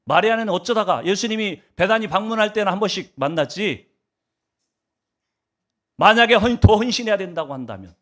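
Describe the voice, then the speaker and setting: A man's voice: high voice, fairly bright tone. A male pastor delivering a Sunday sermon, asking the congregation rhetorical questions and swinging his emphasis up and down.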